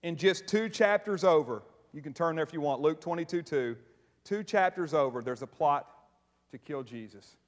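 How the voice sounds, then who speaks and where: A man preaching a sermon to his congregation, animated and joking, tossing in frequent "right?" asides as he talks. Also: a little high, moderate pace. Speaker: pastor. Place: church sanctuary. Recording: long reverb of a large hall.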